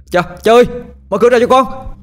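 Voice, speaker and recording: A man's voice: on the low side, fast, a little mellow, lightly acted. A man voicing an anxious young man, a protective brother who pleads and cries out in fear in a ghost story. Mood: panicked, shouting. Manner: tense and pleading, cries out in panic.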